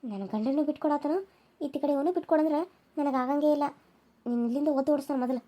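A woman's voice: high-pitched, fast, muffled recording, natural voice. A woman voicing a jealous, taunting elder sister-in-law in a cartoon serial, with a North Karnataka Kannada accent. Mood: scheming. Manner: sharp, taunting.

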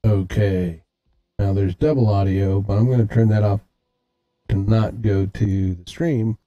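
A man's voice: fairly low pitch, fairly even intonation, a little slow, no echo, highs cut off. A man hosting a casual gaming livestream, thinking aloud as he fiddles with his audio settings. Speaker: streamer host.

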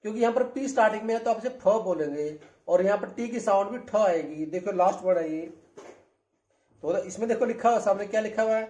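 Drilling English pronunciation, an Indian-accented man repeats each word slowly several times and poses questions, like a classroom lesson. His voice is high with a darkish tone, heard in an echoey room.

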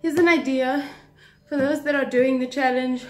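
High-pitched young woman vlogging in an echoey room. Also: fairly even intonation, normal speed, darkish tone. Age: young adult. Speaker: fitness challenge vlogger. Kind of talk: casual vlog talk to viewers. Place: home living room with tiled floor. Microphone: phone at arm's length.

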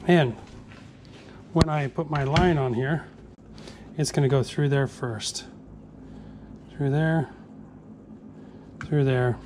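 A fishing tackle maker in his forties from Northeast Florida walks through a build step by step in a casual how-to workshop demonstration. His medium-pitched voice takes it slowly with frequent pauses over background noise. Plain and easygoing, he narrates each step with plenty of "uh"s.

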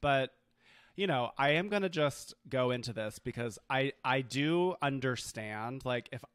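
Earnest man, mid-pitched dry voice. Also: animated, a little slow, fairly bright tone, smooth, no echo. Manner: earnest, hedging, thinks aloud. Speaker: podcast co-host. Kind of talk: casual chat.

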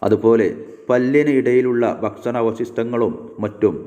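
A man reading out a numbered list in a measured, instructive way, like a religious instructor. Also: mid-range voice, steady tone, mellow, in a large hall, slight background noise.

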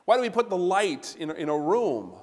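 A middle-aged man preaching a sermon as pastor, animated and moving about before the altar, recorded from a distance in a large church sanctuary. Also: sits high, moderate pace. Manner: animated, gesturing, walking about while preaching. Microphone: no handheld mic, recorded from a far camera. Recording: long church reverb.

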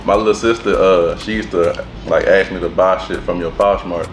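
A young man hosting a relaxed, casual mukbang chat at a dinner table, laughing often. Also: low voice, moderate pace. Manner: laid-back, laughs often. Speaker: host. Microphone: camera across the table. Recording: echoey room with music.

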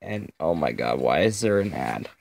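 Speaking at normal speed with an extremely low, gravelly, darkish voice that swings widely in pitch, a young man hosts a gaming video. He commentates casually on a mobile game for viewers, chatty and quick to frustration, his voice strained and fading.

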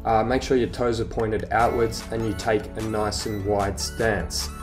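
Young male fitness coach, casual voice-over, soft music behind. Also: on the low side, unhurried. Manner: relaxed, casual coaching with fillers. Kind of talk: instructional voice-over. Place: living room home gym. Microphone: voice-over, recorded separately.

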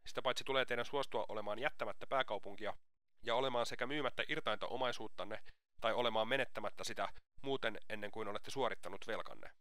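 A smug police clerk in a storybook reading, officious and matter-of-fact, as a man puts him on. Low but bright, forceful tone. The sound is dry and close. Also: no echo.

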